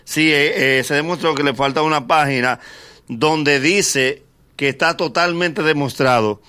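A man telling comedic stories about couples, animated and often laughing at his own jokes. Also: on the high side, a little slow, smooth. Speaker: comedian leading the segment. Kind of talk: comedic monologue with banter.

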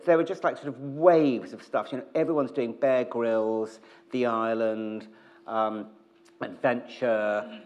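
A man with a mid-pitched voice gives a candid interview as a television executive. He tells anecdotes in an animated way, slipping into quoted conversations as he goes. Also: highs cut off.

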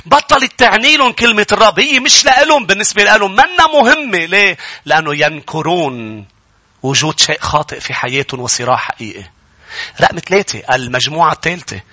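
A Lebanese-accented male pastor delivers a sermon with a high, very bright and piercing voice. He preaches emphatically, rising to urgent, forceful passages and then dropping to hushed, low ones. The recording is dry and close, with no room echo. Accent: Lebanese Arabic.

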